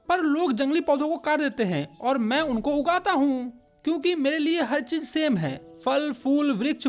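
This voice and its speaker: Woman voicing a kindly old gardener man. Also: high-pitched. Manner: gentle, patient, fatherly.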